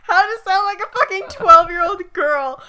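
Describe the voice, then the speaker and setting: A giggly woman trading crude jokes with her co-host, her voice sitting high and sounding bright and crisp. She chats casually and swears freely. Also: moderate pace. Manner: giggly, profane banter. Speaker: podcast co-host. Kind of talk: casual chat.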